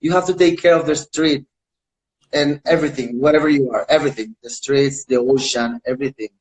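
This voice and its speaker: A man's voice: medium pitch, fast, low-quality recording. A man who is an actor, a guest in a casual interview, talking in short, repeated phrases.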